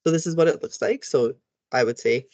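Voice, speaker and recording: Man, teacher trainer, relaxed explanatory tutorial, models letter sounds, dry close audio. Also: medium pitch, fairly quick, no echo. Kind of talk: recorded tutorial walkthrough.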